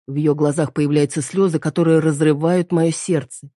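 A woman narrating an audiobook in a steady, even reading. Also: low voice, normal speed, no room sound, studio quality.

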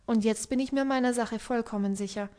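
An ironic, melancholy young baron, read by a woman in an audiobook. The voice stays dry and subdued and carries a quiet mocking edge, pitched fairly high. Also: fairly even intonation, a little fast, close to an everyday voice. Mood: earnest.

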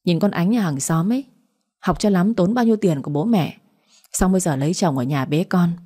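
A woman voicing a harsh, spiteful middle-aged mother who taunts and curses in a shrill voice. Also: a little fast, mellow, slightly rough. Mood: scornful.

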